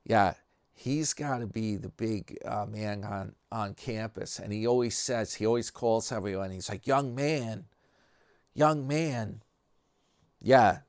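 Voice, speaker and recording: A man's voice: on the low side, measured pace, a little mellow, clear, resonant tone, no echo, clean studio sound. A man with a New York accent talking in a loose, rambling commentary style, full of fillers and restarts. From New York area. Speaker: commentary vlogger.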